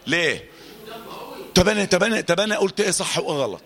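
A middle-aged man with an Egyptian accent teaching Quran recitation to a class in a lively, joking manner, stretching out letters slowly to demonstrate them. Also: sits high. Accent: Egyptian Arabic. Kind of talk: live tajweed lesson to a class.

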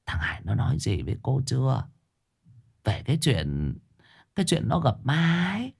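Man doing a secretive old village woman, hushed, conspiratorial, gossiping. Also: mid-range voice, big pitch swings, a little slow, pitched above the performer's own voice.

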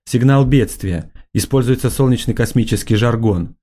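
A male audiobook narrator voicing a brisk male communications officer reporting a signal. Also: medium pitch, warm tone, lightly acted.

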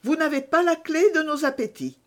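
A kind young peasant woman coaxes a child with gentle teasing in an audiobook, as a woman reader puts her on. Her voice lifts a little above the narration and moves with a lively lilt. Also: high-pitched, normal speed, pitched above the performer's own voice. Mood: coaxing. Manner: teasing, coaxing. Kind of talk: audiobook character reading.

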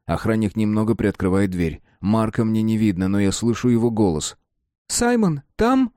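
A man reads a novel aloud in the first person, in a measured and even way. His voice sits low. The sound is dry and close to the mic. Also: dry recording. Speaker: audiobook narrator. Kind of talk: first-person audiobook narration.

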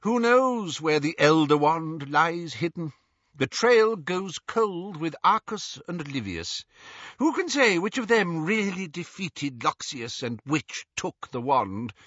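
An excitable, pedantic old wizard , as voiced by a male narrator, lectures in a raised, wildly swooping voice. The tone is bright but husky. The audio is dry and a little dull. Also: a little high, slow pace, no room sound, pitched above the performer's own voice, full character voice. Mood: pondering.

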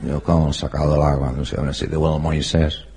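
Deep, dry Catalan comedian. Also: male voice. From Spain. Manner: slow, dry deadpan delivery with repeated "diu" and "digo". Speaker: stand-up comedian. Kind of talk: deadpan joke telling.

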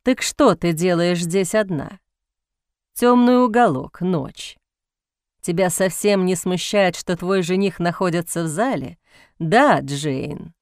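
A woman voicing a cold, cynical male aristocrat who speaks in a hoarse, mocking drawl in an audiobook. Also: medium pitch, animated, normal speed, no room sound, clean studio sound, close to an everyday voice.

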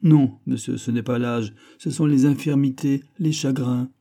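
A man voicing a fat, elderly, sentimental male servant who speaks in excitable, plaintive exclamations. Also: mid-range voice, unhurried, gravelly, voice pushed up.

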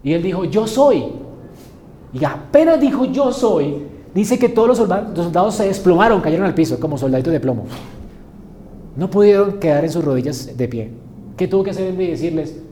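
A man preaching with fervor, his voice surging to loud declarations and sinking to hushed lines. His tone is soft and mellow, and it sits a little high for a man. The sound bounces around an echoey room. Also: expressive, quick pace, slight background noise. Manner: impassioned, rising and falling dynamics, rhetorical questions. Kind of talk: sermon.

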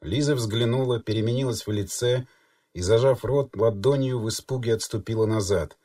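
A man reading an audiobook in measured, even storytelling narration. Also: mid-range voice, dry recording, clean studio sound, distant mic. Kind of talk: scripted narration.

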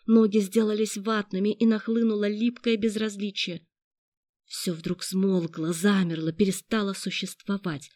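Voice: medium pitch, little pitch movement, normal speed, a little mellow, no room sound. A narrator reading a tense audiobook in a dramatic storytelling manner.

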